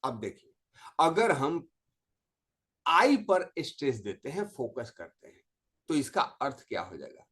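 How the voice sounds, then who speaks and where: A middle-aged man, teaching a spoken lesson on communication with slow, emphatic stress on words. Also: medium pitch, very animated, fairly bright tone. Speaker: motivational teacher.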